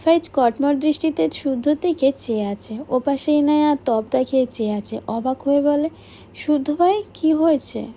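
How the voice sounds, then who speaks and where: High, gravelly woman narrating an audiobook. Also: moderate pace, few pauses, mellow, a little hiss or hum. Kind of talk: audiobook reading of a romance novel.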